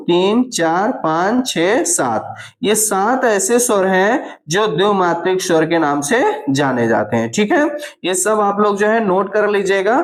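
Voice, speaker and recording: Woman, teacher, fairly low voice, exam walkthrough, repeats key terms, answers her own questions. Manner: spells out words slowly while writing.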